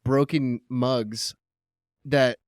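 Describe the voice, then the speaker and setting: A man co-hosting a podcast, telling crude stories in fast, rambling, profane casual banter. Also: medium pitch, steady tone, clear, resonant tone, no room sound, clean studio sound. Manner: fast, rambling storyteller, curses a lot. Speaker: podcast co-host.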